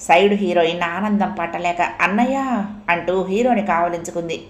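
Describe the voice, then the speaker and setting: A woman's voice: medium pitch, moderate pace. Woman narrating a comic novel, echoey. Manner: lively, theatrical storytelling. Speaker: audiobook narrator. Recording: roomy echo.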